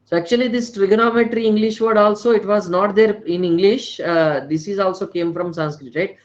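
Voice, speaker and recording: In a high-pitched voice with a steady tone, an Indian-accented man runs a live online lecture a little fast, asking frequent check questions. He repeats his points, tags them with "right" and "na," and slips Hindi words into his English, captured on somewhat dull, lo-fi audio.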